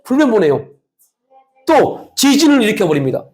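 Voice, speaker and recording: A man's voice: high voice, big pitch swings, moderate pace, a little mellow. Man, pastor, sermon, emphatic, rhetorical questions, frank colloquial asides, exhorting.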